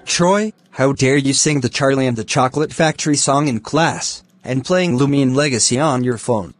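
A synthetic text-to-speech male voice reading lines for animated characters, with a flat machine delivery. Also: medium pitch, normal speed, soft background music.

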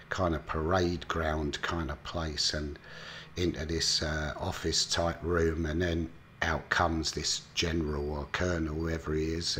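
A man casually retelling a film's plot, relaxed and rambling with frequent fillers. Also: rumbling low, a little hiss or hum. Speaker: film reviewer. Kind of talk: casual film recap storytelling.

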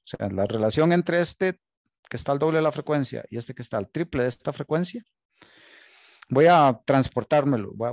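Male lecturer, gravelly voice, stop-start explaining, dry muffled recording. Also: medium pitch, no echo. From Costa Rica. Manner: thinking aloud, many restarts and checks like "¿Ok?". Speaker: university lecturer.

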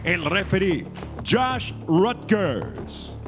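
Guy doing lucha libre style fight announcing, high booming voice, switches languages, drags names out, loud music behind. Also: sing-song, extremely slow. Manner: alternates Spanish and English. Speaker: ring announcer.

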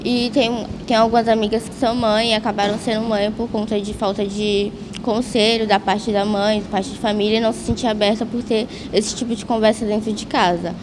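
A woman's voice: medium pitch, little pitch movement, brisk, few pauses, noisy background. A teenage girl, a student apprentice, answering an interview earnestly into a handheld microphone.

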